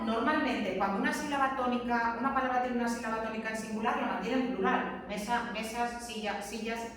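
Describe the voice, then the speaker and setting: A woman teacher lectures her class from the front of a large, echoey classroom, and the long reverb makes her sound far from the mic. Her voice sits a little high. She explains step by step, repeats key points and keeps asking the students questions, with a faint hum of the room behind her. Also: fairly bright tone. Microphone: distant camera mic.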